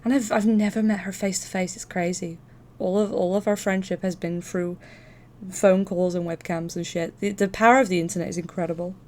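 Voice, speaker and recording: A woman's voice: lowish voice, steady tone, fairly quick, a little mellow. A woman hosting a casual livestream, chatting in an informal, profane, talkative way. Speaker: live stream host.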